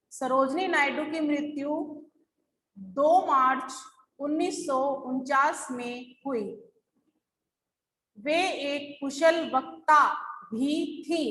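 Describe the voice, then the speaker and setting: A woman's voice: high voice, sharp tone, echoey room, poor audio. A woman schoolteacher going over lesson answers, explaining patiently step by step. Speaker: school teacher. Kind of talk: recorded class lesson.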